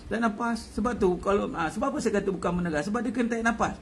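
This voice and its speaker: A man's voice: high voice, very fast, creaky, slight background noise. A man giving a casual religious talk, chatty, repeating his phrases and chuckling often. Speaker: religious teacher.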